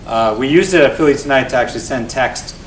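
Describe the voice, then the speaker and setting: A man in his forties, a venture investor and guest speaker, telling his founder story to an event audience in an energetic, conversational way that often tags points with "right?". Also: fast. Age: 40s. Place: event venue before an audience. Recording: roomy, distant mic with faint rumble.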